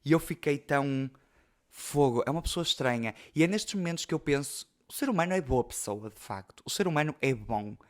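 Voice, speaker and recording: A man's voice: a little high, animated, a little fast. Young guy, portuguese accent, chatty podcast storytelling, emotional, says tipo a lot. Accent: European Portuguese. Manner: chatty, emotional, many fillers. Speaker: podcast host. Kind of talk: casual storytelling.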